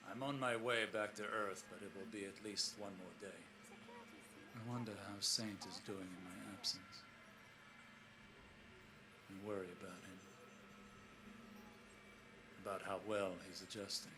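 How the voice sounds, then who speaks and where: In a science fiction game, a man voices a solemn, scholarly space explorer recording a scripted audio log, his natural voice low and fairly even. Weary and troubled, he picks formal words slowly and gravely, pausing to brood, sounding lonely and wistful. Clear background noise surrounds him.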